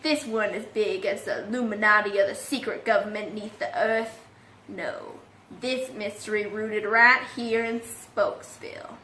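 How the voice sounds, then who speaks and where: A woman's voice: medium pitch, fairly even intonation, unhurried, sharp tone, a little hiss or hum. A woman voicing a paranoid older man who believes in conspiracies and is hiding from the world, in a folksy, secretive, ominous manner. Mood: conspiratorial. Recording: echoey room.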